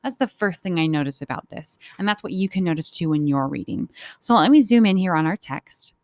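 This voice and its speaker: A woman teacher reads a children's story aloud, explaining it informally as she goes and acting out the characters' thoughts. Her voice is lowish, expressive, and somewhat dark, moving fairly quickly, with no room sound.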